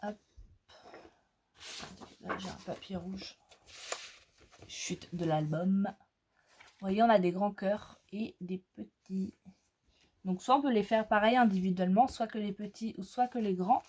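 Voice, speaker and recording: Slow, hesitant woman showing crafts. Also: mid-range voice, darkish tone, breathy edge. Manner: slow, hesitant, many fillers. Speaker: crafting vlogger. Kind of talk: casual haul show-and-tell.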